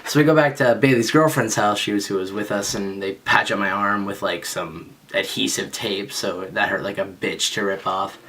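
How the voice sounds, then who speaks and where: A man's voice: on the low side, moderate pace, hardly any pauses, a bit bright. A young man telling a story in casual speech, rambling and self-mocking, with lots of fillers. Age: young adult. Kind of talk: casual spoken anecdote.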